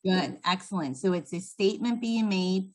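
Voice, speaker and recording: A woman's voice: medium pitch, moderate pace. A woman leading a training session, explaining patiently and encouraging the trainees. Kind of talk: instructional talk to trainees.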